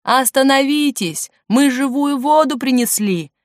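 A woman's voice: low voice, fairly even intonation, unhurried, a little mellow, dry recording, studio quality. A woman reading the part of an eager, anxious young man in an audiobook.

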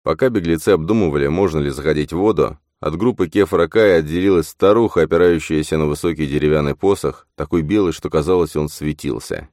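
A man reading a fantasy audiobook as narrator in steady scripted narration. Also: rumbling low, quick pace, hardly any pauses, no echo, studio quality.

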